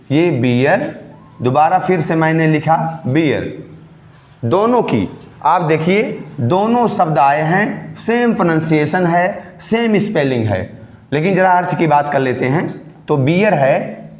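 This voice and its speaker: Man teaching slowly in an echoey room. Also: a little high. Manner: slow, dictating English definitions word by word; explains each term, then repeats it in Hindi. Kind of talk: classroom lesson, mixing Hindi and English.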